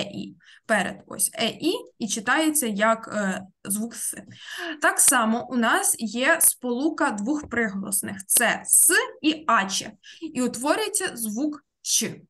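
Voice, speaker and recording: Woman teacher, online class, high bright voice, patient word-by-word explaining. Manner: slow, careful word-by-word explaining. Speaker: Spanish teacher.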